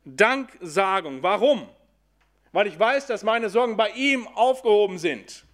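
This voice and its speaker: A man preaching a sermon to a congregation, asking questions and answering them himself, and slowing down when he quotes scripture. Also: high voice, lively intonation, fairly bright tone.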